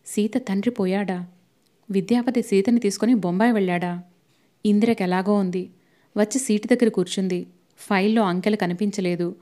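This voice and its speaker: A woman narrating a novel as an audiobook, in a steady, expressive storytelling manner. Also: mid-range voice.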